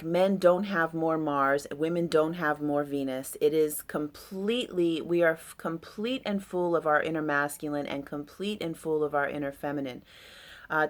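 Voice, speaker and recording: A deep-voiced woman rambles loosely and reflectively about astrology, using lots of fillers in this casual astrology talk.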